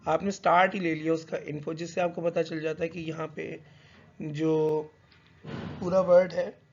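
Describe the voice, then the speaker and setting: Man, lecture-style teacher, pitch a touch high, dull lo-fi recording, stops to correct himself. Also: flat delivery, gravelly, slight background noise. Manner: reads English slowly, then explains in conversational Hindi mixed with English; hesitant, with fillers and self-corrections. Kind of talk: explanatory lecture.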